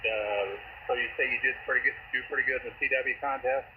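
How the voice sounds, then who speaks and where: A man's voice: mid-range voice, fairly even intonation, phone-quality sound. Man on a static-filled radio receiver. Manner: halting, many fillers and restarts, friendly. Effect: heard over a shortwave radio with static. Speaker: amateur radio net operator. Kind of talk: casual on-air radio chat with call signs.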